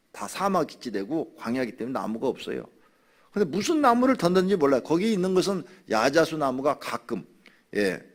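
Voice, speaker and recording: Pastor guy explaining a bible passage to the church, chatty, voice rises and falls a lot, acts out people complaining. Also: medium pitch. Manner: conversational teaching, acting out grumbling voices; drinks water while speaking. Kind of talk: Bible study sermon.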